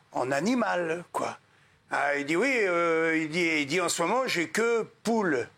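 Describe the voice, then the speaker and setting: Joke-telling man, animated and high-pitched, bright and slightly raspy, light crowd behind. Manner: animated, raises pitch sharply for characters. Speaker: joke teller on a comedy show. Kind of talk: telling jokes with acted voices.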